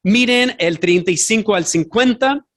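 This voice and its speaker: A man with a high-sitting, somewhat bright voice preaches at a moderate pace as pastor in a church sanctuary. Earnest in tone, he is a non-native Spanish speaker who gropes for words and corrects himself as he goes.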